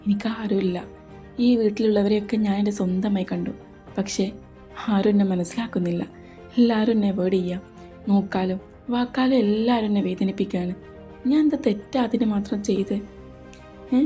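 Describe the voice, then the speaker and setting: A woman's voice: on the high side, moderate pace, dark tone, soft background music, lightly acted. A woman voicing a heartbroken young woman who pleads in tearful, questioning speech in a romantic audio story. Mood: tearful pleading.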